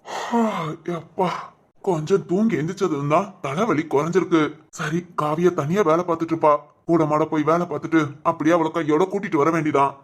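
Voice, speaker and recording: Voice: medium pitch, fairly even intonation, a little fast, close to an everyday voice. An actor playing a young village husband, weary and reproachful toward his grandmother. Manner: weary, then pleading reproach. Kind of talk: village drama acting.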